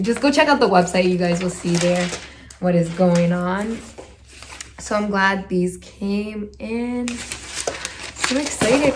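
A woman's voice: medium pitch, noisy background. Chatty woman filming herself on phone. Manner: chatty, excited, addresses viewers as guys. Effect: phone video recording. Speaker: vlogger. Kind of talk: casual vlog talk to viewers. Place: at home indoors. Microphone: phone camera.

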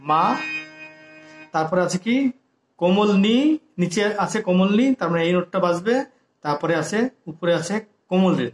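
A man from Bangladesh gives a patient harmonium lesson, walking through the notation one note at a time and singing the note names as he plays. His voice sits a little high. The room is echoey, and the harmonium plays clearly behind him. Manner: patient, explains each note and sings note names. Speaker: harmonium teacher. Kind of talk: step-by-step music lesson.

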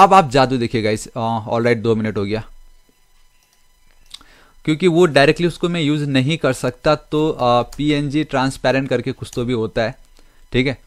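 A man talks through a screen-recorded coding tutorial in a casual, chatty way. He mixes English into his Hindi and keeps checking in with the viewers. His voice sits at an ordinary pitch and sounds dry and close, with no room echo. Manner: chatty Hindi-English code-switching, keeps saying okay and guys.

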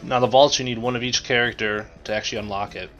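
A let's play commentator talks over game music and sound effects in a laid-back, rambling way while he plays. His mid-range voice is steady, slightly bright, and fast.

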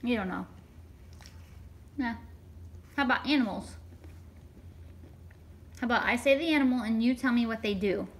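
A woman patiently coaxing a small child at home, asking simple questions in a gentle, sing-song way and prompting the child to repeat words after her. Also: fairly high pitch, normal speed, long pauses. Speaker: caregiver teaching a toddler. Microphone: hidden camera.

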